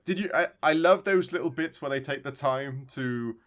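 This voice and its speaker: On a podcast he co-hosts, a man with a fairly high, slightly bright voice discusses video games casually at a normal speed, enthusiastic and prone to rambling.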